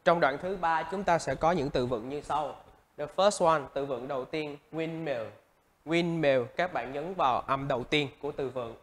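Vietnamese man drilling vocabulary, higher voice. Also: moderate pace. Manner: repeats each word several times, stressing syllables. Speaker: English teacher. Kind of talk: vocabulary lesson.

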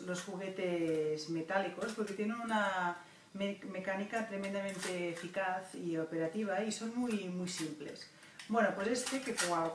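A woman, a children's book author and illustrator, reflecting thoughtfully in an interview, halting often with "ah" fillers. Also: lowish voice. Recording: roomy distant mic with faint noise.

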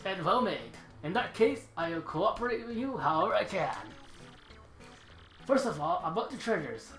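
A fussy, bookish old male Goomba professor from a video game, excitable and forgetful , acted out by a man. The room echoes and faint game music plays behind. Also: high-pitched.

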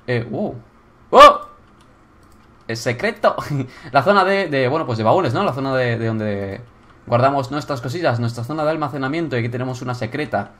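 Excitable young man with a Spain Spanish accent. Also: mid-range voice. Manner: excitable, bursts into loud exclamations. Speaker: YouTuber touring viewer builds. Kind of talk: casual gameplay commentary.

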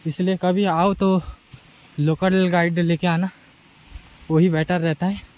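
Filmed on a body-worn camera, this tired man from Chhattisgarh, a travel vlogger, chats with his viewers, addressing them as "guys," while biking rural roads and hiking a forest trail outdoors. His voice sits high with little pitch movement and a darkish tone, and he speaks slowly. The recording quality is low.

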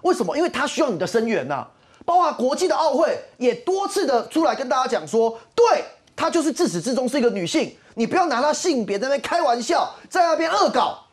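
A woman's voice: high voice, sing-song, fast talker. A woman arguing as a panel commentator on a political talk show, heated and mocking, firing rhetorical questions. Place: TV studio.

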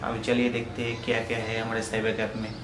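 Speaking fast in a lowish, completely flat voice, a twenty-something shop owner walks viewers through his small cyber cafe, plainly listing each service in turn. This casual tour vlog has background noise and was recorded in an echoey small room with faint ambience.

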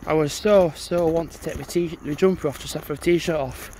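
A man's voice: fairly high pitch, brisk, mellow, poor audio. A man, chatting casually as he walks outdoors with a handheld camera, thinking aloud and reading signs as he goes. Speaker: vlogger. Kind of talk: casual walking vlog narration. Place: outdoors on snowy paths by a stadium. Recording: wind noise on an outdoor mic.

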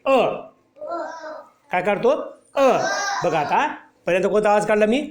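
A man's voice: high-pitched, animated, fairly quick. A man teaching a first-grade class, patiently asking and repeating simple questions for young children, with some faint noise behind him. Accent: Marathi. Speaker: primary school teacher.

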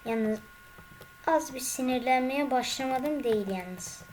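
A young woman talks her viewers through a game, her higher voice slow and drawn out as her frustration builds into exclamations. Clear background noise runs under the recording. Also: a little mellow, rough recording. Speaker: gaming YouTuber. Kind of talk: gameplay commentary.

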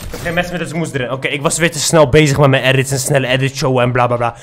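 A man's voice: medium pitch, fairly even intonation, rapid-fire, slight background noise. A young man giving boastful, trash-talking commentary over his own gameplay. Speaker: gaming YouTuber.

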